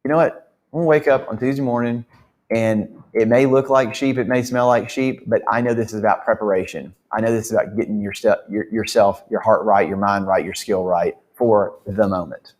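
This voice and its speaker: A man giving a faith-based motivational talk to his company, telling stories in an earnest, animated way with frequent restarts. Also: on the low side, brisk.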